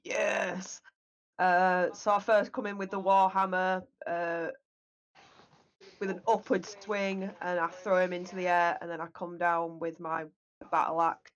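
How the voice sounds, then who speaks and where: A woman's voice: on the low side, little pitch movement, a little slow, dull audio. A woman chatting casually as a player in a tabletop game.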